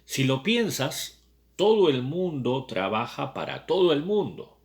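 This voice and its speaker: A man reading as a horrified young woman, high and pleading. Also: sing-song, a little slow. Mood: scandalized. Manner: raised, pleading exclamations. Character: shocked, tearful young woman.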